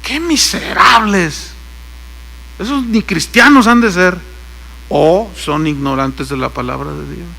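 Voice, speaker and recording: Telling stories and voicing their dialogue with jokes thrown in, a Mexican-accented pastor delivers a sermon at a measured pace. His voice runs on the high side, fairly bright, with some vocal fry.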